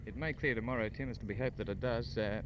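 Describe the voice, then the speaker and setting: Covering a motor race live from trackside, the broadcaster conducts formal, hesitant commentary and interviews in the old 1950s radio manner. His medium-pitched voice stays fairly even and quick, with lo-fi sound from a noisy 1958 outdoor broadcast dominated by racing cars and engines.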